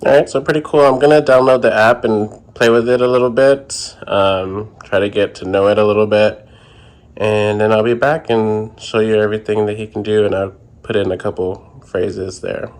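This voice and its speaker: A relaxed man who hosts a Halloween channel walks through a casual product review and demo, explaining each step with fillers. His fairly low voice moves at a normal speed, recorded indoors as a voice-over separate from the footage.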